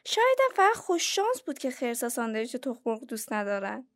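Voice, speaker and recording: Woman, guest, cheerful chat, high voice. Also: big pitch swings, a bit bright. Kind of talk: children's show chat.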